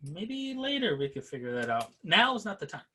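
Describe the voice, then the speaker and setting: Fairly high-voiced man, chatty and animated. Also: fairly quick, slightly rough. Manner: animated, filler-heavy with many "like"s. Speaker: podcast co-host. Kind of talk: casual review chat.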